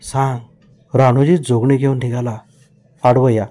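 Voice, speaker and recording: A man's voice: mid-range voice, little pitch movement, measured pace, mellow, voice pushed down, lightly acted. A man voicing a bold village fighter who gives curt, urgent orders. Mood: urgent commanding.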